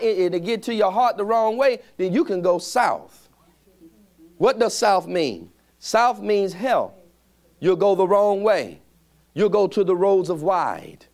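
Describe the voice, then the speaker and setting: Lively preaching man in a church. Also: sits high. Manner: call-and-response preaching, drawn-out emphatic phrases. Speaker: pastor. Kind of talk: sermon. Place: church sanctuary with congregation.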